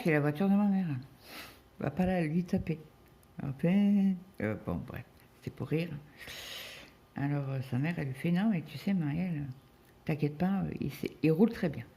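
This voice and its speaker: A woman's voice: low voice, dark tone. A middle-aged woman from France, chatting casually while she cross-stitches and tells a family story, full of fillers and quoted dialogue. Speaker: crafting vlogger.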